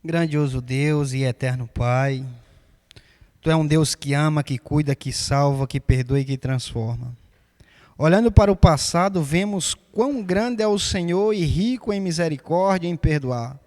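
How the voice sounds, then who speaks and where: A man's voice: a little high, normal speed, darkish tone. Earnest man praying with long reverb. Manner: solemn and earnest. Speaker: prayer leader. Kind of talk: spoken prayer.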